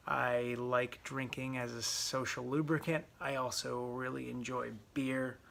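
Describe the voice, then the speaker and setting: Flat, gravelly young man, hesitant. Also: slight background noise. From Southeast Michigan. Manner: hesitant, many ums, flat and low-key. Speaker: vlogger. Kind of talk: rambling solo monologue to camera. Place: parents' garage, dim.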